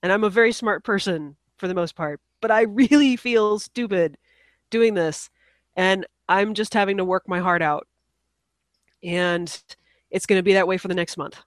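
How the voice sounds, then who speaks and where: At a moderate pace and mid-range pitch, an American woman co-hosts a podcast in casual conversation, clearly congested from a cold. Her tone is apologetic and self-mocking with frequent laughter at herself, recorded close and dry with no echo.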